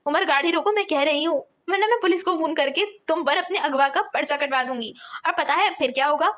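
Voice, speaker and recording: A woman voicing a headstrong young woman in an audiobook, defiant and quick to shout. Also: high-pitched.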